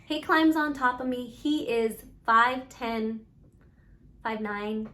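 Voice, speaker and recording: Woman vlogger, slow halting personal storytelling, fairly high voice. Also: fairly bright tone. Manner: halting, pausing often, earnest. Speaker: vlogger recounting her own experience.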